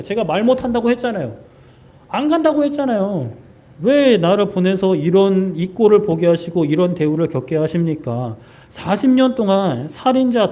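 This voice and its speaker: A man's voice: high voice, mellow, voice pushed up. A man acting out Moses, anguished and pleading. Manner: pleading, accusing questions. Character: Moses, anguished aging man protesting to God.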